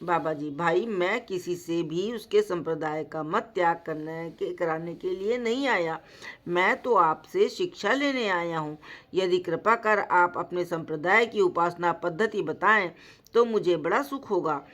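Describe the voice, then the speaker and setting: A woman's voice: lowish voice, a bit bright. Woman reading as a humble old holy man. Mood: earnest. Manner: slow, measured reading voice. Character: devout elderly male holy man, humble, inquiring.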